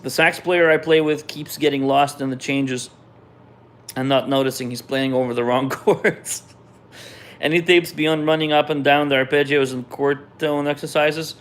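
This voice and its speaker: A slightly high voice at ordinary speed comes from a middle-aged Israeli musician whose mother tongue is Russian. Hosting questions from his viewers, he reads them out and answers easily, often trailing away and picking up again.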